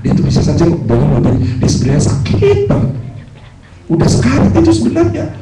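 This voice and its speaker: A man's voice: a little high, wildly swooping pitch, brisk, heavy background noise. A man voicing a sly male devil who coaxes and tempts, in an echoey hall recorded from a distance. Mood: coaxing. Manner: coaxing, insinuating whisperer.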